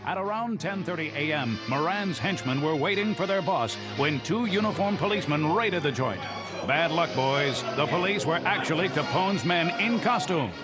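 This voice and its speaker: A man with a high, bright voice narrates in the clipped manner of an old newsreel. He delivers it punchily and throws in wisecracks. Loud music plays underneath him. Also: lively intonation, moderate pace. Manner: punchy, wisecracking asides to the people in the story. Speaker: documentary narrator.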